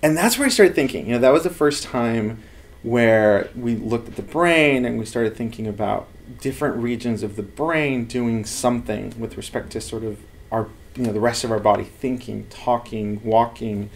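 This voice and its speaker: A man's voice: mid-range voice, normal speed, slight background noise. A man in his thirties from Los Angeles, a lab head talking earnestly and animatedly about his work in an office interview. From Los Angeles, United States. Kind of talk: casual interview talk. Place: office with bookshelves, indoors.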